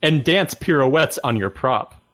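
A man's voice: medium pitch, animated, unhurried, fairly bright tone. A man voicing a pompous old-fashioned male air force officer, reciting verse in a put-on transatlantic accent with a theatrical sing-song delivery.

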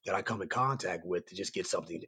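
A man with a raspy, hoarse voice, worn from yelling, giving earnest, rambling answers as a coach being interviewed. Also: low voice, quick pace. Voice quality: raspy, strained voice. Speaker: high school basketball coach and site coordinator, guest.

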